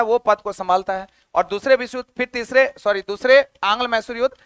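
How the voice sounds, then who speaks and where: A man's voice: very high voice, a bit bright, clear, resonant tone, dry recording. A male teacher giving an exam-prep history lecture, asking questions and repeating the answers.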